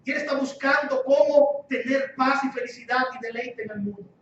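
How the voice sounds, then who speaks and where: A man with a high voice preaches a sermon, pressing his points and repeating key phrases. He sounds far from the microphone, with heavy echo in a church hall and a dull, muffled tone. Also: moderate pace, fairly bright tone, slight background noise. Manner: emphatic, repeats key phrases, rhetorical questions. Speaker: guest pastor. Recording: echoey church hall, distant dull mic.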